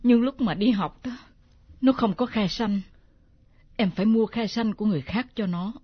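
A woman's voice: medium pitch, moderate pace, slightly rough, no echo, dull audio, lightly acted. A woman voicing a middle-aged mother who pleads earnestly, in a radio drama. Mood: sorrowful.

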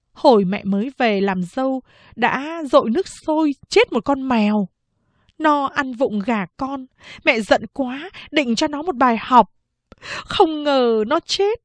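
A woman voicing an old, sick mother-in-law who wails shrilly and speaks slowly and sternly, in a storybook reading. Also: no room sound. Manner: shrill wailing cries when in pain, slow stern talk.

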